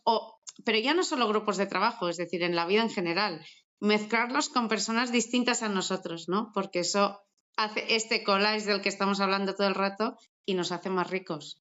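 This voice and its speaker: A woman's voice: medium pitch, fairly even intonation, moderate pace, a bit bright. A woman artist talking through her ideas in an interview, thoughtful, often restarting phrases and adding tag questions. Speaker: artist and project co-founder. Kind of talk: conversational interview answer. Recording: dull, muffled sound.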